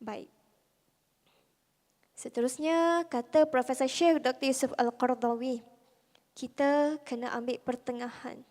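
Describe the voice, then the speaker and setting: Woman, Malaysian Malay accent, religious convention talk, soft voice, conversational, big reverberant hall. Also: high voice, measured pace, pauses often. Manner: lively, conversational, with rhetorical questions. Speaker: religious speaker.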